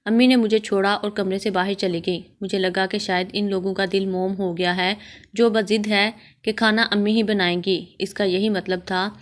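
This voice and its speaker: A woman reading a first-person moral story in a steady, even way. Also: medium pitch. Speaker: story narrator.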